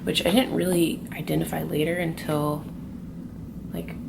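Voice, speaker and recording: A young woman vlogging casually at her night job, talking softly and half in a whisper, swearing now and then. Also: sits low, little pitch movement, normal speed, vocal fry, background noise. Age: young adult. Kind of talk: casual confessional talk. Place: group home at night, indoors.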